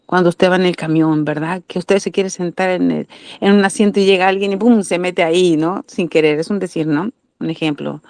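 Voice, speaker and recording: A woman's voice: lowish voice, steady tone, a little fast, a little mellow, no room sound, studio quality. A woman with a Mexican Spanish accent giving a sermon-style Bible lesson, earnest, asking questions and answering them herself. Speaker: Bible teacher.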